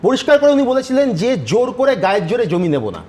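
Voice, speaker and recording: A man's voice: very high-pitched, sing-song, fast, darkish tone. A man arguing as a guest on a televised debate, insistent and talking over interruptions. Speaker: panel guest. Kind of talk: studio debate argument.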